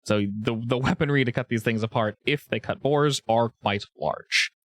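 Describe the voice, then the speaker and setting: A man's voice: medium pitch, moderate pace, a bit bright, dry recording. A man running a tabletop game, narrating casually as game master.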